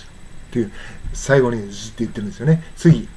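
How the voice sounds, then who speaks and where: A man with a Japanese accent teaching English pronunciation in a casual spoken lesson, explaining and then saying phrases very slowly. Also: mid-range voice. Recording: faint background noise.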